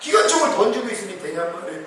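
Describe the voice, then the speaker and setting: High-pitched male pastor preaching hard, swings his pitch all over, faint room noise. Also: sing-song, racing, a bit bright. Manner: emphatic preaching, acts out quoted prayers. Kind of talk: revival sermon. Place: church hall. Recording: very echoey hall, distant mic.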